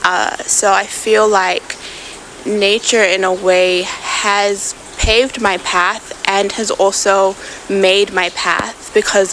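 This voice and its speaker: A woman's voice: medium pitch, a bit bright, a little hiss or hum, poor audio. A young woman from Samoa speaks earnestly and thoughtfully in a conversational interview. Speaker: interview guest, climate activist.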